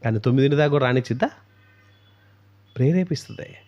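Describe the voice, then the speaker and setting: A man's voice: medium pitch, quick pace, highs cut off. A man preaching a sermon to young people, firing off questions and answering them himself. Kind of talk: sermon to a youth meeting.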